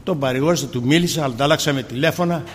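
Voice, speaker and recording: A middle-aged man preaching a sermon as a pastor, telling stories and asking rhetorical questions, with sudden swings between loud and soft. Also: a little high, big-room sound, a little hiss or hum.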